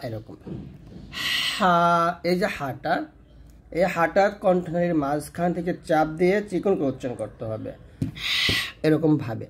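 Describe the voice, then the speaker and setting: A man's voice: a little high, animated, vocal fry, darkish tone, husky. Patient man teaching letter sounds. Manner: drawn-out, demonstrative letter sounds repeated slowly; patient, explanatory. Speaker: Quran reading teacher. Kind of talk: step-by-step pronunciation lesson.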